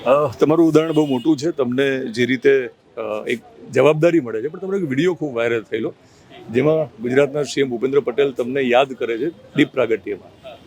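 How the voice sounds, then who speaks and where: A man interviewing a politician, asking slow, thoughtful questions with hesitations and addressing viewers directly. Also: medium pitch, darkish tone. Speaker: interviewer and news reporter. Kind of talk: conversational interview with asides to viewers.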